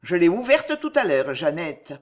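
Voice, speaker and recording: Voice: medium pitch, big pitch swings, moderate pace, lightly acted. A reader doing a brash young manservant. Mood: hurried. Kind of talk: audiobook character reading.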